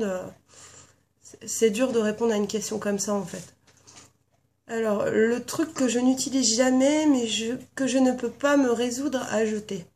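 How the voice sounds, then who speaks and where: A hoarse woman chatting casually in a vlog, blunt and frank, rambling with lots of fillers. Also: a little high, a little mellow. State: hoarse from a sore throat. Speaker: vlogger, founder of a paranormal blog team. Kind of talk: casual chat answering a tag. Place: at home with her cat nearby.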